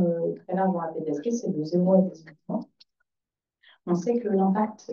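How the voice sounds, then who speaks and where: A hoarse woman with a raspy, breathy, nearly lost voice giving a conference presentation as a child psychiatrist. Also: lowish voice. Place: conference room. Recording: echoey, distant, dull hall microphone.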